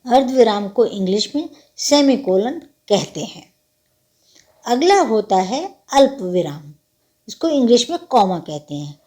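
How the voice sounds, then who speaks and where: A woman's voice: a little high, very animated, measured pace, warm tone. A woman teacher explaining grammar patiently, step by step with examples. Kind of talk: grammar lesson.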